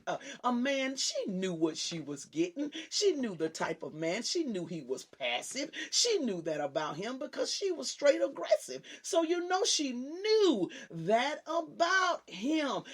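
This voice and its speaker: A woman hosts her own talk show and preaches with fervour, swinging between loud exclamations and hushed asides. Her raspy, deep-sounding voice is often mistaken for a man's by people on the phone.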